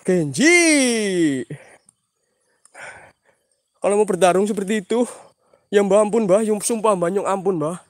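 A man's voice: high voice, fairly even intonation, brisk, dark tone, no room sound, studio quality. A man hosting a live paranormal stream outdoors at night, chatting to viewers, thanking them by name and mixing in regional slang. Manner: chatty, reads viewer names, mixes Javanese slang, sudden exclamations.

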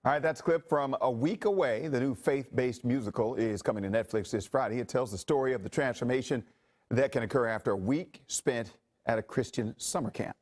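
A man news anchor reading a story in a steady, even delivery. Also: medium pitch, fairly quick.

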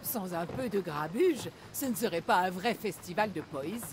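An actress playing an older, proud poetess in a video game, declaiming theatrically like a stage performer. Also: female voice, lowish voice, animated, normal speed, over music. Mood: pleased. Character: grey-haired old poetess, proud, theatrical, fond of her art. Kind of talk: video game character acting in French dub.

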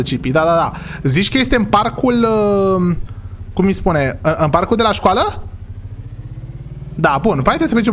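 Man, high voice, excitable vlogger, talks straight to viewers, playful role-play. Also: a little hiss or hum. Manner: excitable, addresses viewers directly. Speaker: vlogger host.

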